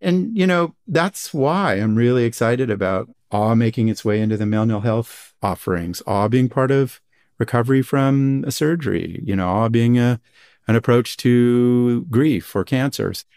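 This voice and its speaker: A man's voice: medium pitch, normal speed, a little mellow, clean tone. Enthusiastic man explaining research. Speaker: psychologist guest. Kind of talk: conversational interview.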